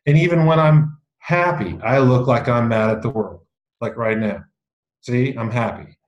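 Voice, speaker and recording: In an echoey meeting room with dull audio, a middle-aged man with a low voice presents leadership material to a small group at a normal pace, casually joking at his own expense and frequently starting sentences over.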